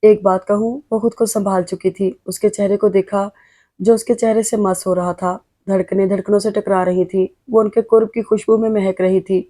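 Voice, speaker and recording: Woman narrating a novel, mellow. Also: medium pitch, little pitch movement. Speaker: audiobook narrator.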